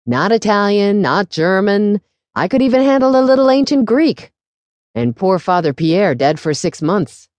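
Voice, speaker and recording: A woman reading as a jovial, squat old monsignor with a dark, mellow tone, sighing and chuckling at his own jokes. He talks in a close, dry, intimate way, good-humored even when exasperated, in an audiobook story. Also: mid-range voice, normal speed, dry recording, pitched above the performer's own voice, natural voice. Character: jovial squat older male priest, monsignor.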